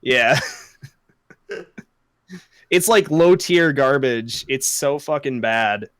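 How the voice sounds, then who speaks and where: A man's voice: mid-range voice, takes it slowly, a bit bright, no echo. A young man co-hosting a podcast, chatting casually, rambling, swearing a lot and laughing often. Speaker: podcast co-host. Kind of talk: casual chat.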